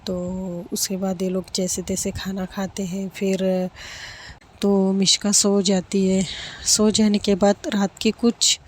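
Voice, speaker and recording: A woman's voice: medium pitch, monotone, slow pace, slight background noise. A woman narrating a love story casually, repeating phrases and joining them with fillers. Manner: repetitive, with frequent 'to' fillers.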